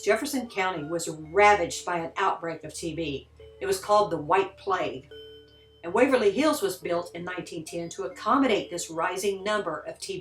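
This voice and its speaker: A woman's voice: on the low side, fairly bright tone, far from the mic. A woman from Kentucky with a Kentucky accent, guiding a tour and explaining in a conversational way inside a large empty historic building. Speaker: tour guide. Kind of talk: on-site tour narration. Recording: roomy echoing hall.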